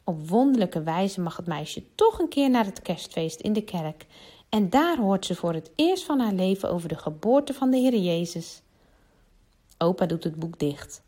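Lively woman reading a children's story. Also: medium pitch, normal speed. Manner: expressive, lively read-aloud with voiced characters.

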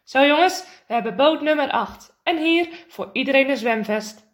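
A woman's voice: high-pitched, animated, moderate pace, voice pushed up. A woman reading a storybook, voicing a cheerful, caring father who reassures the boys. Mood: hearty. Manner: hearty, reassuring.

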